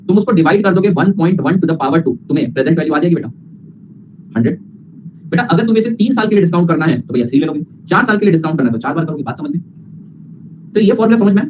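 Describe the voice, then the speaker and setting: A male teacher giving a lively lecture, mixing Hindi and English and acting out students' replies. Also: fairly high pitch. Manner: fast, playful, mixes Hindi and English, acts out students. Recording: lo-fi with background hiss.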